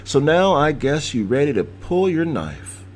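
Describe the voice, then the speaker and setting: A man's voice: fairly high pitch, big pitch swings, a little slow, slight background noise. A man doing a defiant old man itching for a fight. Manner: gruff vernacular speech, challenging.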